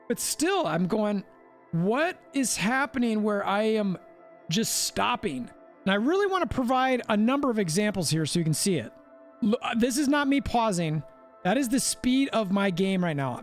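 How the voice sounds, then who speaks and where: A man hosting a gaming channel, giving animated gameplay commentary and repeating himself for emphasis. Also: high voice.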